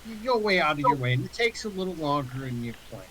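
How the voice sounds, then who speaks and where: A man working as game master, casually narrating scenes in a halting, improvised way. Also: on the high side, very animated, pushed and bright, rough recording. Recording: faint background hiss.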